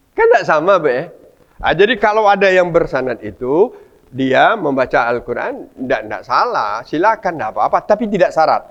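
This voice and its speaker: Animated preacher. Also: male voice, a little high, muffled recording. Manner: animated, asks the audience rhetorical questions. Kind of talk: mosque study sermon.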